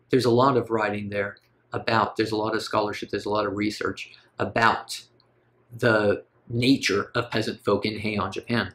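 A man's voice: fairly low pitch, fairly bright tone. A man giving a recorded literature lecture, asking rhetorical questions and rising on emphatic words.

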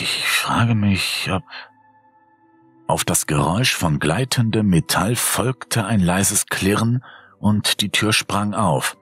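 A man narrating a horror story in a calm, steady reading voice. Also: sits low, slightly rough. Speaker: audiobook narrator.

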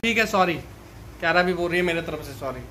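A man's voice: a little high, animated, fast talker, sharp tone, a little hiss or hum. A man in his thirties filming a casual family vlog in a small room at home, pleading with his wife and sounding exasperated. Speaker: vlogger husband. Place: small home bedroom, indoors.

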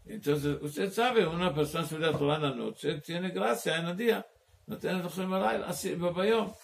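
Gravelly high-voiced rabbi teaching Talmud. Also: male voice. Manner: halting, searches for words, mixes in Hebrew terms. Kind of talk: Torah class.

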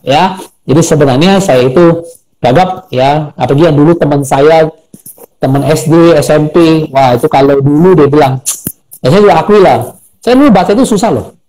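Animated, high-voiced man telling stories. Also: low-quality recording. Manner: animated, acts out quoted voices. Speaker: guest speaker and coach. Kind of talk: storytelling in a live interview. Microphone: phone or video call.

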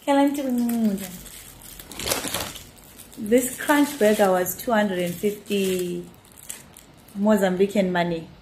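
In a small hotel room, a young woman vlogger speaks slowly with frequent pauses, her mid-range voice fairly even in intonation. Her casual chat carries a Southern African accent and mixes in Bantu-language words. The phone at arm's length makes for noisy handheld audio.

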